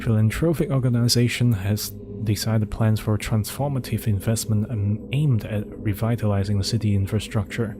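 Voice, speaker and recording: At a moderate pace and with hardly any pauses, a lowish-voiced man with fairly even intonation commentates a horror game. His first language is Cantonese; he reads in-game documents, skips on with asides and answers chat while game music plays.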